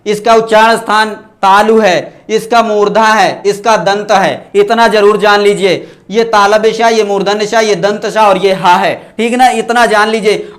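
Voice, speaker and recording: A man with a very high voice takes an online class through Sanskrit sounds, saying each letter aloud. He asks a question, pauses, and answers it himself, and stops to thank viewers for their comments. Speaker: Sanskrit teacher. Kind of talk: online exam-prep lesson.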